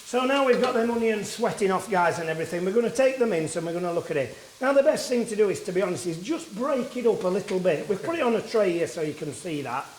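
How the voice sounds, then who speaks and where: Rich: A high-voiced man chef talks through a recipe in a chatty, step-by-step way. His voice rings around a roomy kitchen, and a pan sizzles faintly behind him. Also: animated, quick pace, few pauses, darkish tone, slight background noise. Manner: chatty, repetitive "what we're gonna do". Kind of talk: cooking demonstration. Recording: roomy kitchen with frying sounds.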